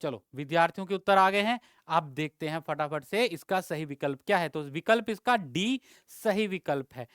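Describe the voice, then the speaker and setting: A man's voice: a little high, animated, normal speed, few pauses, a bit bright, clean tone, dry recording, studio quality. A man teaching an exam-prep grammar lesson, explaining step by step, quizzing his students and drawing out vowel sounds to show them.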